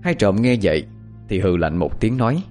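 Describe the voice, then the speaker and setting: Lively low-voiced horror storyteller. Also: male voice, normal speed, soft background music. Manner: expressive, suspenseful. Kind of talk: scripted horror narration.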